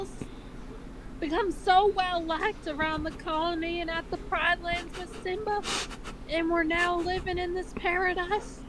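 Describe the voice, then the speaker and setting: A woman as high-pitched anxious cartoon mother meerkat, Ma. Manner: halting, a little tense. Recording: clearly noisy amateur recording.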